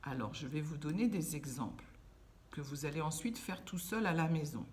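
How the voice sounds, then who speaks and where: A woman teaching young children, speaking slowly and carefully, drawing out words so they can hear each sound. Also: deep voice, lively intonation. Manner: slow, carefully enunciated, stretching words for children. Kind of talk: children's lesson.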